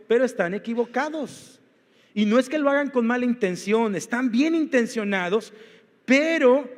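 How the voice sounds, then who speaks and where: A man's voice: very high-pitched, big-room sound. A male pastor preaching a sermon, walking his congregation through numbered points and rhetorical questions. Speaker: senior pastor. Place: church.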